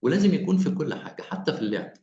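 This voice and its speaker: A man with an Egyptian Arabic accent lectures parents over a video call. He talks fast with a lively, swinging pitch and restates his points. The audio is roomy and muffled, like lo-fi call audio. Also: a little hiss or hum. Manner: animated, explaining with repeated phrases. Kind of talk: online lecture.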